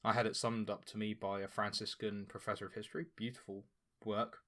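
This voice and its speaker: A man talks to his viewers in a loose, rambling Q&A. His voice sits fairly low but comes across bright and forceful, full of blunt opinions broken up by asides that poke fun at himself. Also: level tone, fairly quick. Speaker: channel host. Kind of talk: casual Q&A monologue to viewers.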